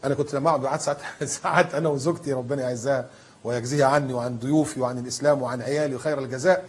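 A man preaching in a colloquial style with an Egyptian accent. He is animated and emphatic, and he acts out the people he quotes. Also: medium pitch, rapid-fire, husky. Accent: Egyptian Arabic. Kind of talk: colloquial sermon.

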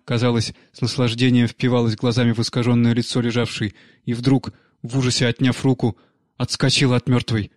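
A man narrating an audiobook in a measured, steady reading. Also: medium pitch, no echo, studio quality. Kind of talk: scripted narration.

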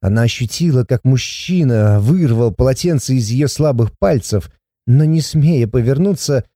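A man reading a novel aloud as an audiobook narrator, expressive and measured. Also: medium pitch, no echo, clean studio sound. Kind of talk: scripted narration.

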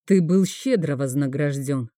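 A woman voicing a calm, scornful older high priest in an audiobook. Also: measured pace, dry recording, clean studio sound. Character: high priest, older man, cold and sarcastic.

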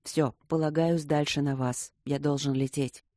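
A man's voice: on the high side, flat delivery, moderate pace, warm tone, no room sound, clean studio sound, close to an everyday voice. A man voicing a resolute male commander. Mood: commanding. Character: resolute male military commander giving orders.

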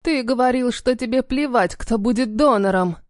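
A woman's voice: a little high, normal speed, dry recording, studio quality, natural voice. Woman doing a trembling, pleading young wife.

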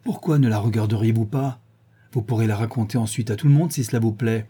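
A man's voice: lowish voice, quick pace, warm tone, husky. A man voicing a proud, mocking young male dandy who speaks with scornful insolence, in a storybook reading.

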